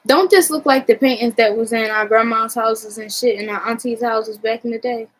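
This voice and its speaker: Showing her own artwork in a casual vlog, this American woman chats in a relaxed, rambling manner and curses freely. She has a fairly high, steady voice at a moderate pace, with slight background noise behind it.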